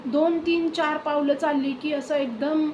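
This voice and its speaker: A woman casually retelling a devotee's spiritual experience, with hesitant pauses and fillers. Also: high voice, steady tone, highs cut off. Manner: hesitant, many fillers and restarts. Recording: roomy echo with faint background hiss.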